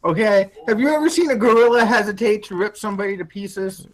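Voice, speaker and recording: A man's voice: high voice, quick pace, poor audio. A man in his twenties co-hosting a casual podcast, blunt and ranting about what bugs him. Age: 20s. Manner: blunt, ranting, says "freaking". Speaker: podcast co-host. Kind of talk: casual chat. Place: home, on a call.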